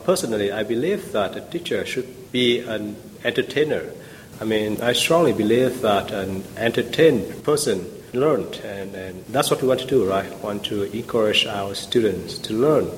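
A man's voice: on the low side, expressive, normal speed, big-room sound, slight background noise, rough recording. A man with a Vietnamese accent, a native Vietnamese speaker, talking as a guest in a podcast interview, hesitant with many fillers and restarts. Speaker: guest, language teacher.

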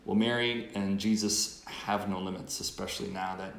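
A man with a fairly low voice speaks as a priest at Mass. His delivery is reflective, and the sound rings with a cathedral-like church echo. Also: fairly even intonation, normal speed, fairly bright tone, slight background noise. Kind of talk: Mass Gospel reading and homily.

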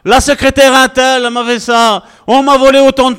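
A man's voice: very high voice, level tone, moderate pace, a bit bright, smooth, in a large hall, voice pushed up. A pastor voicing a complaining male churchgoer who moans to God about his aches, his boss and his pay. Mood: whining. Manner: plaintive, complaining. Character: whining male churchgoer listing grievances to God.

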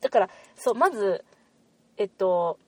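A woman with a Kansai accent, co-hosting a casual podcast chat and explaining things in a lively way. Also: mid-range voice, unhurried, husky, no echo. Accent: Kansai Japanese. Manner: lively, animated explaining with laughs. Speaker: podcast co-host.

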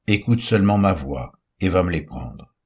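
An urgent, commanding mother who schemes for her son, read by a man. The voice stays deep and husky, like a scripture reading. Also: expressive, moderate pace. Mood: urging.

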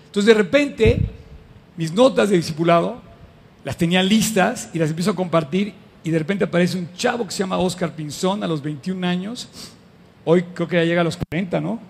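Gravelly high-voiced preacher. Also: male voice, a little fast, in a large hall. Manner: animated and conversational, addresses the audience with questions. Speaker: pastor. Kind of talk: lively sermon to a live congregation.

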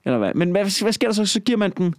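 A man's voice: sits high, very animated, no echo, clean studio sound. A man in casual chat, rambling and joking crudely with lots of filler tags.

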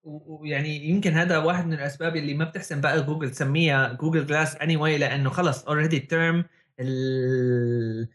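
A man's voice: a little high, steady tone, fast talker, a bit bright. A man with a Levantine Arabic accent co-hosting a casual tech chat, often repeating words as he searches for phrasing. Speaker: podcast co-host.

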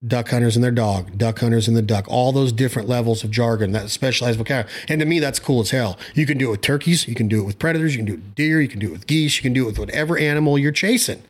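A man's voice: medium pitch, rapid-fire, few pauses, husky. A man talking casually and at length about his views in an emphatic, blunt, rambling way, using mild slang. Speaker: hunting show host. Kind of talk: casual opinionated chat.

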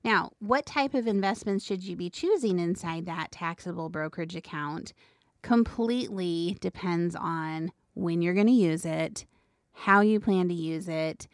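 A woman's voice: fairly low pitch, a little slow, dry recording, studio quality. A woman hosting a financial advice show, explaining things in an informal, conversational way. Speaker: financial radio show host.

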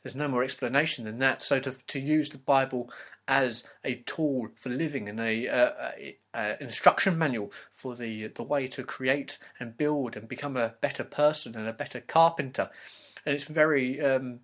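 A man delivering an improvised absurd comedy ramble, halting and full of fillers. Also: mid-range voice, a bit bright.

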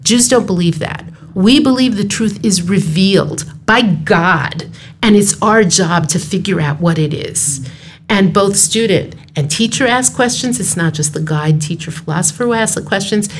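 A woman's voice: medium pitch, expressive, moderate pace, slight background noise. A woman who teaches Torah, explaining texts emphatically in a study conversation and weaving in Hebrew terms.

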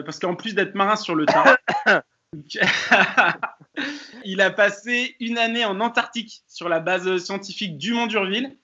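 A man hosts a podcast with a high, bright voice, chatting casually with friendly fillers. The recording sounds a bit dull and lo-fi. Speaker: podcast host. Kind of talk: casual hosting and introductions.

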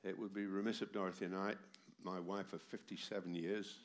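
Through an amplified mic in a church hall, a man in his seventies delivers a sermon in a low voice that barely moves in pitch and keeps a brisk pace. A cold has left his voice tired. He habitually asks the congregation rhetorical questions.

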